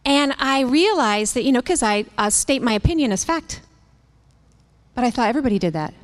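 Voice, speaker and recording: A woman in her fifties hosting a devotional talk, candid and animated, laughing as she tells stories. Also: on the high side, brisk. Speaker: women's ministry host. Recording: long reverb.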